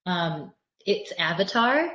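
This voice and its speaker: A woman's voice: fairly low pitch, very animated, slow, a bit bright. A woman comedian chatting on a panel in a rambling, self-deprecating way. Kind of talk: casual panel chat. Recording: echoey dull lo-fi audio.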